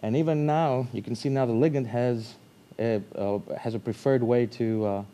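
A man giving a scientific talk at a conference in a lecture room, speaking loosely with restarts and sudden animated bursts of emphasis. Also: medium pitch, normal speed.

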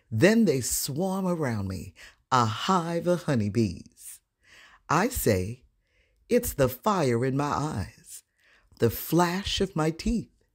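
A woman voice-over artist recites poetry in an expressive, dramatic way, her phrasing confident and deliberate. Her voice is low-pitched and husky.

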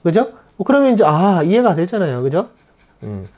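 A chatty art teacher walks through a drawing lesson, leaning on everyday examples and rhetorical questions. The voice is warm and mellow, and its pitch rises and falls a lot. The teacher keeps asking the listener to agree. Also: very animated, normal speed.

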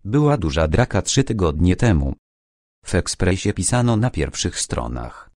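A man reading a crime audiobook aloud in the first person, in a low-key, dry storytelling manner. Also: very animated, normal speed, darkish tone, no echo. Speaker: audiobook narrator. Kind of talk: scripted narration.

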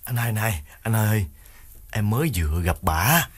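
A man puts on a panicked young thief in a storybook tale. He whimpers and begs in a shaky, hushed voice. Soft music plays behind him. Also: fairly low pitch, expressive, normal speed, slightly rough. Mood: pleading. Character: frightened young man, a small-time thief begging.

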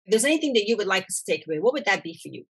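Female interviewer, quick and effusive, with a slightly husky voice. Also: medium pitch, very animated, fairly bright tone. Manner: effusive, enthusiastic praise. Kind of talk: casual interview.

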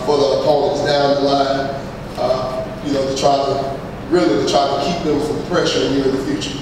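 A middle-aged man, a head football coach, answering press questions after a game in a measured, halting way with many fillers and restarts. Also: a little high. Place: press room with backdrop, large echoey space. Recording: echoey hall, far mic, noisy.

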